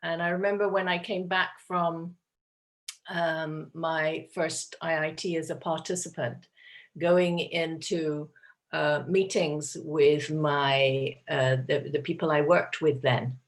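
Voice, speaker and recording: A woman's voice: sits low, fairly even intonation, takes it slowly. A woman trainer giving a sincere, reflective account over a video call. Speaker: nonviolent communication trainer. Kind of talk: personal reflection in a group call.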